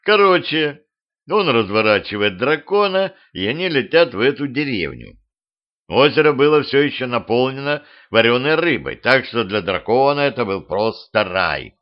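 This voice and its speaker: A man narrating an amateur audiobook with a lively, expressive reading. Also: medium pitch, moderate pace, muffled recording.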